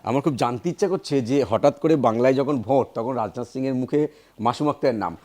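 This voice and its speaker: A man's voice: medium pitch, fast, warm tone. A man conducting a political interview, asking questions politely.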